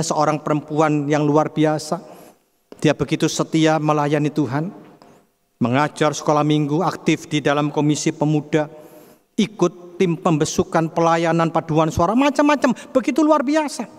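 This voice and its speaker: Male preacher with a high voice, emphatic sermon delivery, long reverb from a large church hall. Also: steady tone, moderate pace. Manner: emphatic, keeps addressing the congregation as brothers and sisters.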